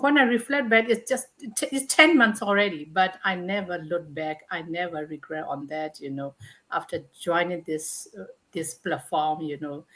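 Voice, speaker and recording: A woman's voice: fairly low pitch, a bit bright, low-quality recording. A retired woman in her sixties, a guest on a casual livestream chat, chatty and saying "you know" often. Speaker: guest panelist.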